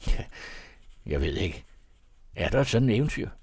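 A man's voice: fairly low pitch, sing-song, gravelly, a little mellow, breathy edge, no echo, studio quality, exaggerated voice. A man reading an audiobook, voicing a matter-of-fact young male friend. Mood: puzzled.

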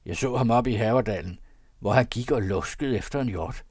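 A gruff, angry huntsman , played by a male reader, barks threats and scolds his captive. His voice is raised and harsh. The sound is dry with no room. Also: mid-range voice, darkish tone, no room sound, lightly acted. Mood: telling.

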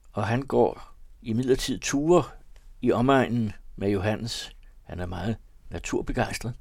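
A man with a fairly low voice reads a serialized novel aloud for radio. He recaps the story in a relaxed, conversational way with the odd filler. The sound is dry and close, from a studio mic. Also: dry recording. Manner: conversational summarizing, with occasional fillers.

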